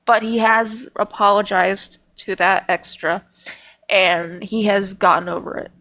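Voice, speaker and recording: A woman's voice: mid-range voice, steady tone, a little slow, fairly bright tone, poor audio. A woman co-hosting a casual podcast chat, telling stories with emphatic, opinionated views. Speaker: podcast co-host.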